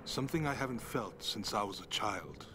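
An actor playing a big, gentle, loyal crewman in an adventure game, speaking in a sincere manner. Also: on the low side, lively intonation, moderate pace, close to an everyday voice. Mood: brooding, reflective. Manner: sincere, reassuring.

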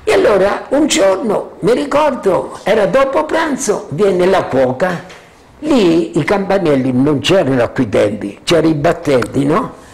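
An older man with a high-pitched, creaky voice recalls his memories at a measured pace, rambling freely and constantly asking "capito?" to make sure listeners follow. He's an animated storyteller who chuckles often, a witness sharing his recollections.

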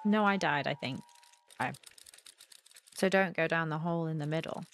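A young adult woman hosting gaming videos gives casual playthrough commentary from a small room at home, thinking aloud and reacting as she plays into a close desk mic on an arm. Her voice is low-pitched and a bit bright at normal speed, with a little hiss or hum.

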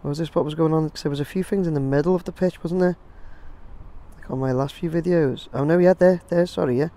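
Outdoors by a construction site, a drone videographer with an English accent rambles through casual vlog commentary on his footage, chatting away and addressing viewers as "guys." He talks quickly in a mellow, fairly high voice.

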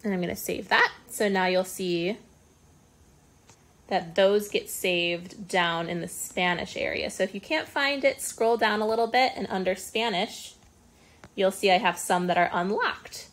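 A woman speech-language pathologist walks through a software tutorial one step at a time. Her voice sits in a middle pitch, and she talks casually, filling the pauses with ums. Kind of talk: screen-recorded software tutorial.

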